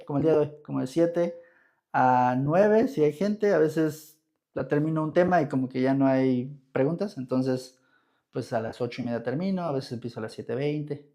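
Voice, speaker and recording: Chatty Mexican English teacher, higher voice. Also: male voice, dark tone. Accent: Mexican Spanish. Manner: chatty, answers viewer comments, checks in with "¿ok?" often. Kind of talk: live-streamed English lesson.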